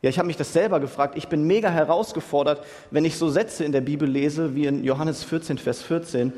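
Young male preacher with a casual, slangy delivery, slightly high voice, heard in a hall with long reverb. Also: brisk, warm tone. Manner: casual, youthful slang, asks "Ja?" often. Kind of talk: sermon.

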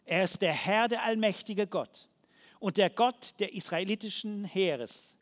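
A man reading the words of young David, bold and defiant, in a slow declamatory way. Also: sits high, in a large hall.

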